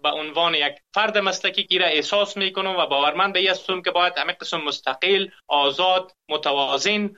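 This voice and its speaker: A man with an Afghan accent gives spontaneous, earnest interview comment in halting phrases. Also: high voice, sharp tone, a little hiss or hum. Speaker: media advocate giving comment. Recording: muffled, band-limited audio.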